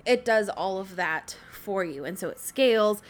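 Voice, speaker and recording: A woman co-hosting a casual board game chat, animated, acting out game moments in quick asides. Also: mid-range voice.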